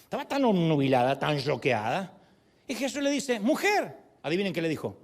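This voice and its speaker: Lively, high-voiced man preaching. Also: a little fast, a little hiss or hum. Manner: animated storytelling, acting out quoted voices. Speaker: pastor. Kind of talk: sermon.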